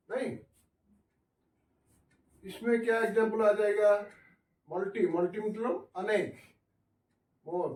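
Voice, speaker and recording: A man's voice: high-pitched, darkish tone. A man teaching a biology class in Hindi. He asks the students questions, answers them himself, and mixes in English science terms. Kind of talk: classroom lecture at a whiteboard. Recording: echoey room, voice from a distance.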